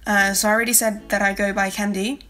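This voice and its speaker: A young adult woman from South America, an art YouTuber, does a casual voice-over while she draws. Her medium-pitched, flat voice carries a South American Spanish accent, and she talks quickly in a friendly, rambling way with many fillers over faint guitar music.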